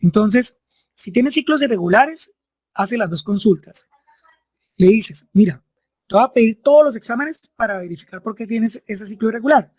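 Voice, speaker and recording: A male medical lecturer with a high, darkish voice and lively intonation speaks at a moderate pace in a dry recording. He takes his class through the material step by step, frequently using tag questions to check they follow.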